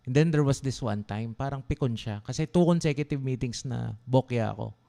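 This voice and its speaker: A young man from the Philippines, a law school vlogger, telling a story to his livestream viewers in an animated, dramatic way and asking them to reply. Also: mid-range voice, normal speed, gravelly. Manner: asks viewers to respond.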